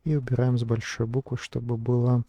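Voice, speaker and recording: Hesitant male vlogger, very dark flat voice, dry close sound, thinks aloud. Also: mid-range voice, fairly quick, no echo. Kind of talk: casual screen-recording narration.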